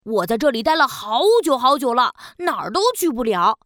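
A bright, high, childlike talking balloon. It is lonely and excitable, bursting into exclamations in a children's audio story. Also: female voice, normal speed, no room sound, studio quality. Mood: complaining. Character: lonely, excitable hot-air balloon longing to travel.

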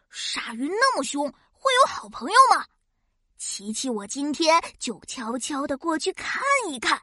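A woman voicing an excitable, childlike host of a children's science cartoon, wide-eyed and exclaiming to her young audience. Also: sits high, exaggerated voice. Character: Qiqi, excitable childlike friendly kids' science show host.

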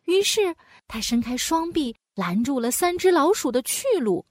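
A woman narrating a children's storybook in an animated, sing-song way, with playful sound words. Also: sits high, moderate pace, no echo, studio quality.

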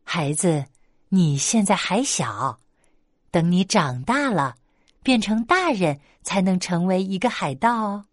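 A gentle mother bear, voiced by a woman in a storybook, lower and softer than the narration. She speaks slowly and soothingly, in a dry, close sound. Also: very animated, no room sound, exaggerated voice. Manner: soft and soothing. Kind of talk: children's storybook voice acting.

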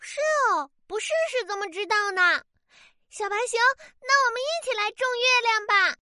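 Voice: very high-pitched, moderate pace, sharp tone, dry recording, heavily acted. A performer voicing a small, innocent, emotional moon rabbit in a thin childlike voice for a children's audio story. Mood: hopeful.

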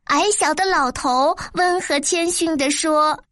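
A woman narrating a children's storybook with a clear, expressive reading. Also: high-pitched, a little slow, no room sound, studio quality.

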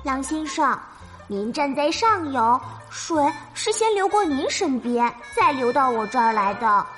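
A woman's voice: high-pitched, very animated, measured pace, a bit bright, soft background music, heavily acted. A woman voicing a small, clever young lamb in a storybook tale, speaking sweetly and courteously. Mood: polite.

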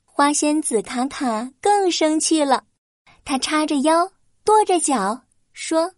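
Woman, children's storyteller, high voice, scripted narration, dry studio-like sound. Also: animated, slow, no echo.

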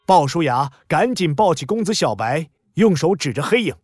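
Expressive man telling a children's story. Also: fairly high pitch, normal speed, dry recording, studio quality, faint music behind. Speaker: narrator.

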